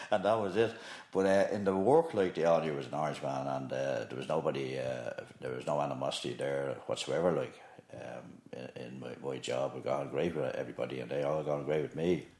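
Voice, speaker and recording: A man's voice: extremely low pitch, normal speed, darkish tone, echoey room. An older retired man with a Dublin accent, answering interview questions hesitantly with many ums. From Ireland.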